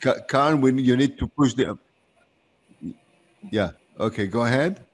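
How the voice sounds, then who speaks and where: A man hosting a casual video-call interview, halting and repetitive, with a joking streak. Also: medium pitch, husky. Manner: halting, repeats himself, jokey. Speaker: interview host.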